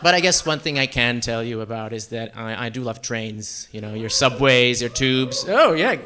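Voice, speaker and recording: A young man from Central Europe performing a self-deprecating stand-up set on a comedy club stage, with deadpan delivery and frequent fillers. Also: mid-range voice, normal speed. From Czech Republic and Slovakia.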